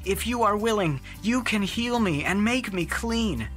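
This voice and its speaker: A humble sick man pleading to be healed, as a storybook narrator puts him on. The voice sits slightly raised and earnest, with lively pitch, and music plays beneath it. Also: measured pace. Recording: music underneath.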